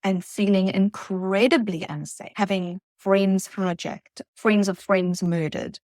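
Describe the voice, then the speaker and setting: A middle-aged woman from South Africa, a guest telling her story in an earnest, reflective way, halting at times. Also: mid-range voice, a little mellow, dry recording, clean studio sound. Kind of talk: emotional personal interview.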